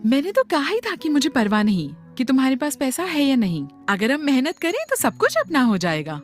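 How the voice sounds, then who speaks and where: A woman's voice: high voice, sing-song, fairly quick, faint music behind. A woman voicing a cheerful, affectionate young bride who chats eagerly with her husband, in a dubbed drama. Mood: warm. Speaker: voice actor. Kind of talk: Hindi dub acting.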